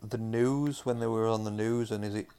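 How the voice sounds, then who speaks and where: A man's voice: fairly low pitch, steady tone, moderate pace, mellow, clean tone. A young man with a Northern English accent chatting casually about TV episodes, rambling with lots of ums and restarts. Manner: rambling, many fillers and restarts. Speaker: podcast co-host. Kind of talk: casual chat reviewing TV episodes.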